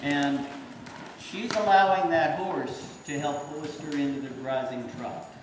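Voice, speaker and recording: A man's voice: fairly high pitch, fairly even intonation, a little slow. A man instructing at a horse riding clinic, explaining as a rider works and quizzing his listeners with questions. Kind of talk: live teaching commentary at a riding clinic. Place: large horse arena. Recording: echoey, distant, noisy arena sound.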